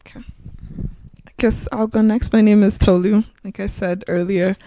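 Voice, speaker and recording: A woman's voice: medium pitch, fairly even intonation, normal speed, warm tone, no echo. A woman of twenty-seven chatting as a guest, playful and teasing. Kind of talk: casual chat.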